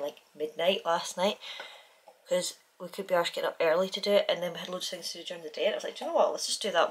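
A woman's voice: lowish voice, husky. A woman in her thirties with a British accent, chatting casually to a handheld camera at home. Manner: chatty and rambling, scolding her dog playfully. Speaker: vlogger. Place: home kitchen and living room. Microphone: handheld camera at arm's length.

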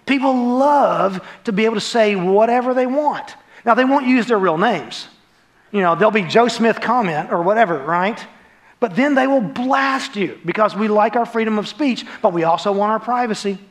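On the stage of a big, darkened church auditorium, a male pastor from the United States, in his forties, delivers a sermon. He speaks at normal speed in a high voice with lively intonation, conversational and emphatic, frequently tagging points with quick questions.

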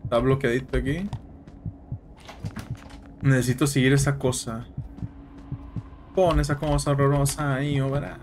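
A man giving jokey, slangy horror-game commentary and yelling when scared. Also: medium pitch, level tone, moderate pace, long pauses. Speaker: gaming YouTuber. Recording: game music behind voice.

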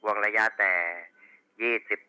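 A male police radio dispatcher reads back station reports and call signs in formulaic procedure over a walkie talkie. He speaks unhurriedly against a noisy background, with a two-way radio effect on the sound.

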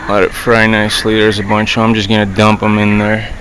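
By a riverbank, an outdoor vlogger in his thirties cooks fish over a campfire and casually narrates for his viewers, chatting easily as he works. His voice is fairly low, monotone and a little fast. The noisy outdoor camera audio picks up the ambience and frogs.

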